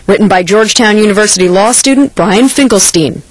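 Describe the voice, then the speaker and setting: A woman's voice: mid-range voice, a little fast, no echo, low-quality recording. Playful woman news correspondent. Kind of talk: scripted news report. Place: TV news studio. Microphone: lapel mic.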